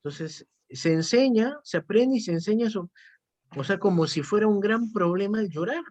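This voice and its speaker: A man's voice: high voice, animated, moderate pace, darkish tone, dry recording. A man, a psychotherapist chatting reflectively and often tagging his sentences with "¿no?". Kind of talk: casual conversation.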